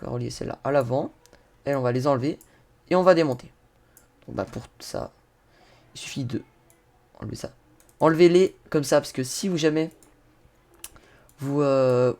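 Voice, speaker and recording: Chatty man with a higher voice. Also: darkish tone. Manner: chatty, swears and laughs at mishaps, addresses viewers directly. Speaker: gaming YouTuber. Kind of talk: casual game tutorial commentary.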